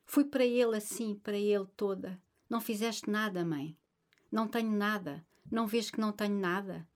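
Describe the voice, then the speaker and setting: A woman's voice: medium pitch, normal speed, lightly acted. A woman doing a volatile young daughter. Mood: anguished. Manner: pleading, rising to anguished outbursts.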